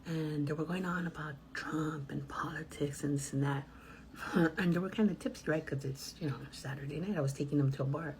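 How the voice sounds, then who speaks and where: A woman's voice: low voice, steady tone, fairly quick, a little mellow. Laughing woman telling a story, faint hiss. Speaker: rideshare driver. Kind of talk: casual storytelling.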